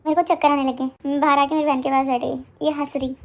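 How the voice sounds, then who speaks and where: A young woman vlogger telling a personal story to the camera in a casual, animated way, acting out what others said. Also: high-pitched, quick pace.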